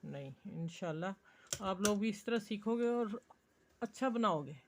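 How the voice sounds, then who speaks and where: A woman's voice: medium pitch, expressive, a little slow, background noise. A woman with a Pakistani Urdu accent, teaching a stitching tutorial in a homely, chatty, encouraging way. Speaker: sewing teacher.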